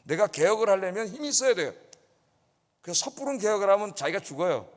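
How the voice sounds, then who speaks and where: Male pastor, lively high voice, sermon in a reverberant sanctuary, keeps asking the congregation "yes?". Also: fast talker. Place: church sanctuary. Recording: long reverb in a church hall.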